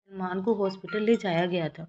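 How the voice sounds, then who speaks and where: A woman reads a romance novel aloud in a steady, plain manner. Her voice is dark and mellow. The recording sounds dull and lo-fi. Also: medium pitch, a little hiss or hum. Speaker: novel narrator.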